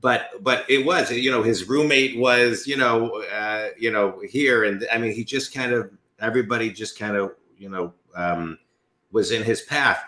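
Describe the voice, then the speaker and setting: A man's voice: fairly low pitch, moderate pace, pushed and bright. Rambling fifty-year-old man hosting a podcast. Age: 50s. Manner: rambling, many fillers like you know. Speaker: podcast host and business coach. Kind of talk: casual interview chat.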